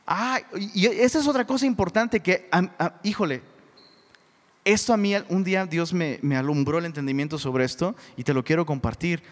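Man, middle-aged, Mexican accent, preaching, casual and animated, fairly high voice, long hall reverb. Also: moderate pace. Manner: casual, animated, says "bro" a lot. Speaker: pastor. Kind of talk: sermon. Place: church hall.

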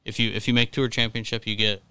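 A man co-hosting a casual sports chat, relaxed and a bit rambling. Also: on the low side, fast, clear, resonant tone, no echo. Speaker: podcast co-host.

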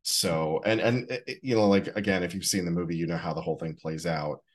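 A man in his forties co-hosting a casual podcast, relaxed and wry as he shares film history. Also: low voice, quick pace. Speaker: podcast co-host. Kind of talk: casual chat.

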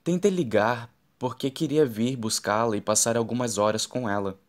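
A man's voice: mid-range voice, normal speed, lightly acted. A man voicing a jealous, accusing ex-husband in an audiobook, reading his lines in his own plain voice.

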